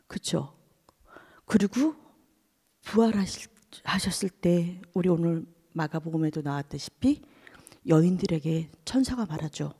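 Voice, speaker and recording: A woman's voice: on the low side, mellow, husky, in a large hall. A woman associate pastor preaching at a dawn service, asking her congregation question after question and dropping to a whisper for emphasis. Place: church sanctuary.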